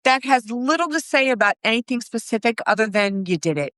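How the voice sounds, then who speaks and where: A woman's voice: on the high side, expressive, fairly quick, fairly bright tone, dry recording. Emphatic woman podcaster, dry close sound. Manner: emphatic, storytelling with acted quotes. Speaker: podcast co-host; corporate event planner. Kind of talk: casual chat.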